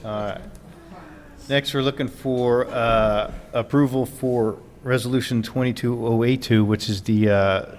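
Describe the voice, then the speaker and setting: A man's voice: medium pitch, unhurried. Easygoing man chairing a council meeting. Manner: relaxed, jokey, many fillers. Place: council chamber. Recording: long reverb in a council chamber, faint noise.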